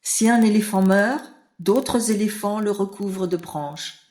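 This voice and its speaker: A woman's voice: medium pitch, measured pace, a little mellow, roomy sound, lightly acted. A woman voicing a small, frightened baby elephant boy who talks in a childlike, plaintive way in a children's audiobook.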